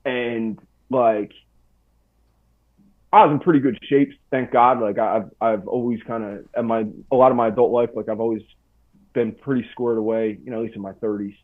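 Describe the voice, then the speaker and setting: A man's voice: medium pitch, fairly even intonation, moderate pace. A man in his forties, a podcast guest, telling a story in a casual, slangy way. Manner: laid-back, slangy, full of "dude" and "bro". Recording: tinny phone-like line.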